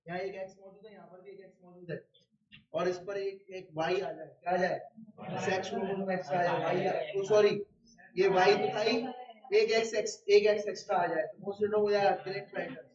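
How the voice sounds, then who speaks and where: A man's voice: sits high, steady tone, normal speed, a little mellow. A man teaching a biology lecture who keeps asking the class questions and answering them himself, using everyday examples. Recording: roomy, distant and dull-toned.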